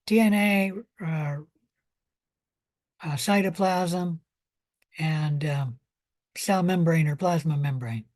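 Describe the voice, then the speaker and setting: A woman lecturing on biology, explaining slowly and carefully with pauses, fillers and restarts. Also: low-pitched, a little mellow. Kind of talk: recorded micro lecture.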